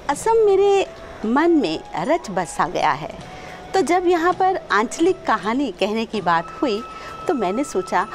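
A woman storyteller speaks slowly to children, her voice swooping widely in pitch. Music plays clearly underneath her as she introduces a folk tale. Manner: warm, addressing children directly. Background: background music.

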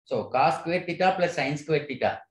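A man's voice: fairly high pitch, expressive, normal speed. A man with an Indian accent teaching physics, explaining step by step and checking that he is followed. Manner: checks understanding with short questions. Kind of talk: online lesson, explaining a derivation step by step. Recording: roomy, echoey sound.

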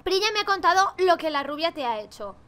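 A woman reading the lines of a calm young man from a dating game, in her own voice. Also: very high-pitched, a little fast, exaggerated voice.

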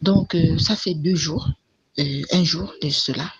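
A woman's voice: low voice, unhurried, breathy edge. A woman chatting casually through a long personal story, full of fillers and repeated words. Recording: dull lo-fi recording with faint noise.

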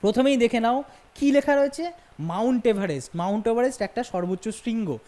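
A woman teaching an exam-prep grammar lecture, repeating each point and checking in with quick questions to her students. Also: a little high, dark tone.

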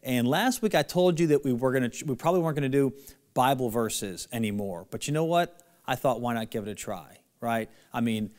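A man leading a children's Bible lesson to camera, playful and coaxing, reciting slowly with emphasis. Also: medium pitch, expressive, darkish tone. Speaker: church children's teacher. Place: church room.

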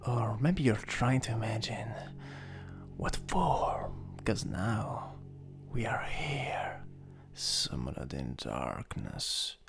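A man voicing a sadistic, possessive incubus demon in a whispered role-play, taunting and menacing, with a breathy, gravelly delivery. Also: fairly low pitch, sing-song, full character voice. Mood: playful, sinister. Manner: slow, menacing, mocking incubus teasing.

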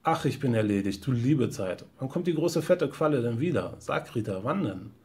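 A man's voice: mid-range voice, expressive, moderate pace, darkish tone, natural voice. A man reading as a mocking giggly young woman.

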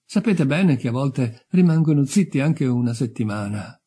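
Man doing a servile minor clerk, soft mellow voice, husky. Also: medium pitch, expressive, moderate pace. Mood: fawning. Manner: fawning, deferential. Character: obsequious petty official, eager to please. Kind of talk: audiobook character voice.

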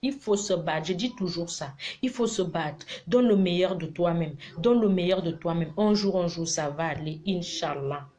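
A middle-aged woman, giving casual advice on a live stream in an animated, preachy but teasing way. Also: on the low side, moderate pace, hardly any pauses. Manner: animated, preachy and teasing, mixing scolding with affection.

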